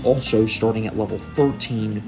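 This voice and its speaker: Over background game music, a young man who runs a gaming YouTube channel talks through patch notes at a moderate pace in a lowish voice, and the recording sounds rough. He seems tired and a bit under the weather with a cold coming on, dropping ums often.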